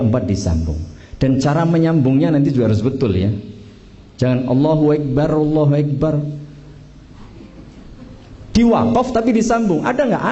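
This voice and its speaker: A man's voice: mid-range voice, mellow, dull audio. A man with a Javanese accent teaching a religious class on the call to prayer, joking and teasing his students as he goes. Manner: joking, teasing, mixes local slang into teaching. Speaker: Islamic teacher training imams and muezzins. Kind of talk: casual religious class instruction.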